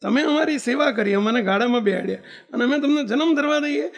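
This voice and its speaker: A man preaching, voicing each character in turn as he tells the tale. His voice sits high for a man and carries a gravelly rasp. He drops into colloquial asides between the scenes he acts out. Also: fast. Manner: animated storyteller acting out villagers and God in dialogue, with colloquial asides. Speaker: spiritual leader giving a religious discourse. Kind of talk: storytelling sermon.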